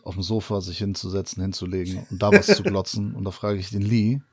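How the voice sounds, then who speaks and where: Gravelly husky guy hosting, jokey, lowish voice, dry mic. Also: fast, a little mellow, no echo. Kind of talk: casual film podcast chat.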